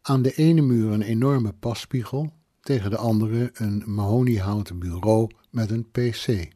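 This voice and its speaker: A male audiobook narrator reading a first-person story in a measured, plain storytelling manner. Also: on the low side, dark tone, dry recording, studio quality.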